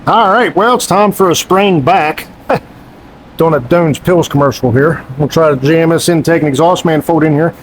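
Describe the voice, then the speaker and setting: A man's voice: fairly high pitch, normal speed, a little hiss or hum, rough recording. A man working as a mechanic, chatting casually and joking in a folksy country way while rebuilding an engine in a garage. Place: garage workshop.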